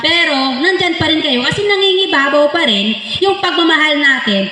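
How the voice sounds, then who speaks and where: High, bright Filipino woman in an echoing hall. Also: animated, normal speed, soft background music. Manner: rallying, prompts listeners with tag questions. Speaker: volunteer organization officer giving a graduation address. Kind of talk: motivational ceremony speech to trainees. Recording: echoey hall with long reverb, faint noise.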